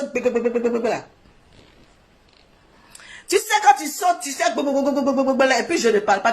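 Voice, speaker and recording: A woman with a high-pitched voice delivers a heated live-stream rant. She scolds and mocks, repeating her points again and again, swinging between loud jabs and low mutters. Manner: scolding, repetitive, mocking.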